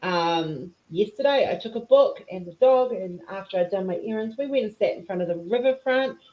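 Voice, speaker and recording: A middle-aged woman with a New Zealand accent slightly mixed with Australian chats casually while hosting a livestream as a diamond painting artist. Her animated, sing-song voice rises and falls at a normal speed, and the recording has its highs cut off.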